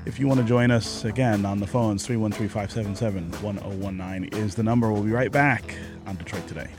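A man hosting a call-in radio talk show, speaking in a measured way and reading out the phone number. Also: lowish voice, loud music behind the voice. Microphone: studio microphone.

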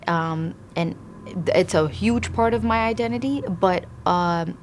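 A woman from Iraq, an immigration attorney, answering interview questions thoughtfully with frequent pauses and restarts. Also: on the low side, slight background noise.

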